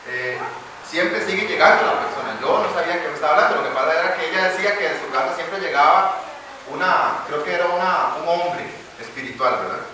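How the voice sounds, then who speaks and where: A man's voice: a little high, fast, background noise. A man with a Costa Rican accent preaching a sermon in church, telling a story and then building to emphatic declaiming. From Costa Rica. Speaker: pastor. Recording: echoey church hall, distant mic.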